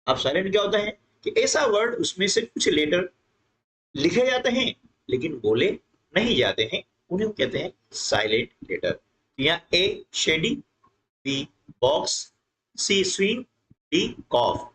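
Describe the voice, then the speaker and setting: Animated male teacher. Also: high voice, low-quality recording. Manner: slow, drawn-out reading of English sentences, then quick explanation; repeats filler tag questions to students. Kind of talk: explaining an English textbook lesson in Hindi.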